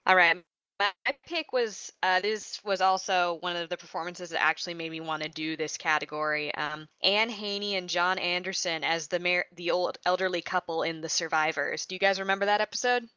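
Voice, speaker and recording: A woman co-hosting a podcast in casual chat, talking in a brisk, tidy and polite way. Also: fairly low pitch, steady tone, pushed and bright, clean tone, no echo. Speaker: podcast co-host. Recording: muffled lo-fi mic.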